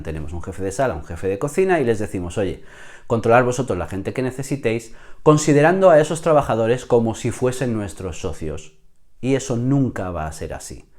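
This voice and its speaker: A man with a hoarse voice, explaining business mistakes to camera as a consultant, often checking in with the viewer. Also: fairly low pitch, darkish tone.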